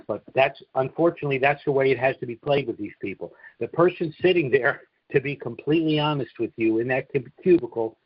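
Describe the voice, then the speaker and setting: A medium-pitched man runs a conference call, giving callers casual how-to advice and hammering his points home through repetition. Heard over the call line, the audio has no room sound and a dull, lo-fi quality.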